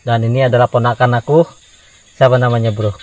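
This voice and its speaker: Outdoors at a riverside forest camp, an Indonesian vlogger in his thirties chats with viewers, addressing them as guys. He speaks briskly in a mid-range voice with little pitch movement, and there is background noise.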